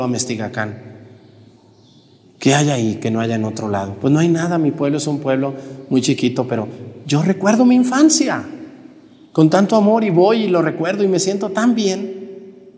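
A man with a Mexican accent preaching a sermon, animated, asking the congregation questions and answering them himself. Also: a little high. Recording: long hall reverb.

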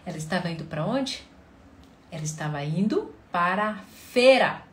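A woman therapist telling an audience about a client case, acting out the quoted lines with lively swings in her voice. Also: lowish voice, moderate pace. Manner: animated storytelling, acts out client quotes. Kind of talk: talk to an audience. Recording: roomy with faint background noise.

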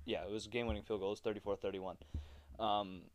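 A young man hosting a casual sports podcast, talking loosely and joking, quick to laugh. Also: lowish voice, flat delivery. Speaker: podcast host.

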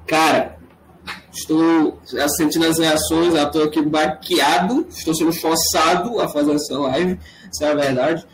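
A man's voice: a little high, fairly even intonation, measured pace. A man with a Brazilian accent co-hosting a casual live-stream chat. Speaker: podcast co-host. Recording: noisy, overdriven live-stream audio.

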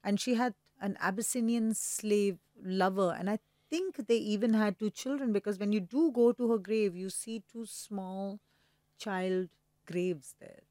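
A woman's voice: medium pitch, unhurried, dark tone, no echo. Educated urban Indian woman, dry close sound. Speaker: historian guest. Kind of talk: conversational explaining.

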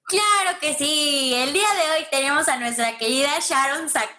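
A woman's voice: high voice, normal speed, sharp tone. A woman with a northern Mexican accent chatting casually and enthusiastically as a podcast co-host, with a bubbly, giggly way of talking. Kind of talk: casual chat.

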